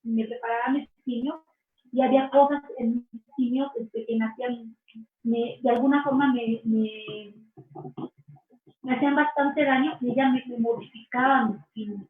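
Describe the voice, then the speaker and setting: A woman telling her faith testimony in an interview, earnest and slow, often restarting her phrases. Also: a little high, steady tone. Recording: echoey, distant, phone-like sound.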